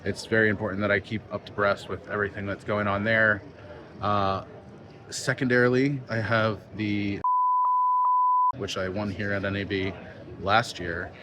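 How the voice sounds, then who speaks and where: A man with a fairly low pitch and level tone vlogs casually to camera, talking off the cuff into his phone's built-in microphone and pausing between points. He's a film sound mixer hosting the vlog at a busy convention venue. Crowd chatter and busy noise fill the background of the phone recording.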